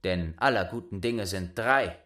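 A man's voice: low-pitched, unhurried, pushed and bright. A man voicing a sly, greedy innkeeper. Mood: scheming.

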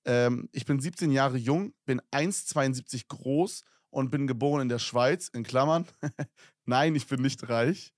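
A man's voice: mid-range voice, unhurried, dry recording, studio quality. A young man co-hosting a casual podcast, reading listener messages aloud with slang and laughs. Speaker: podcast co-host.

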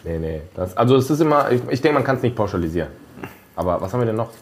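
A man's voice: mid-range voice, expressive, racing. Laid-back slangy man. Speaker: podcast co-host. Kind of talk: casual chat.

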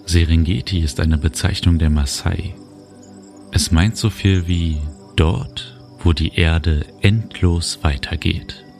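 A man narrating a guided relaxation journey, speaking slowly and soothingly. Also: deep voice, gravelly. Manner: slow, calm, soothing. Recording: music bed under voice. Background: music and cricket sounds.

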